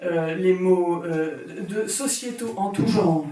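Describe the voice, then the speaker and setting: A woman giving a conference talk as an author, halting and often repeating her words. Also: fairly low pitch, dark tone. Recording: very echoey room from far off.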